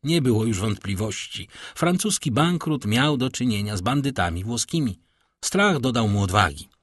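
Male audiobook narrator, husky, expressive storyteller, dry close sound. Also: mid-range voice, normal speed, no room sound. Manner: expressive storytelling with vivid intonation. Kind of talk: scripted narration of a classic novel.

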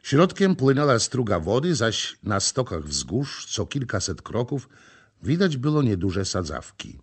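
A man reading a novel aloud in calm, measured scripted narration. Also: fairly low pitch, husky. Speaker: audiobook narrator.

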